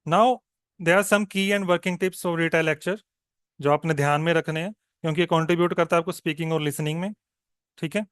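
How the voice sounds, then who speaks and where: A male tutor with a higher, smooth, clear voice, steady and a bit bright, coaches students in an online exam-prep lesson. His speech mixes Hindi and English with frequent "okay?" check-ins, slowing deliberately to model answers. The clean studio sound has no echo.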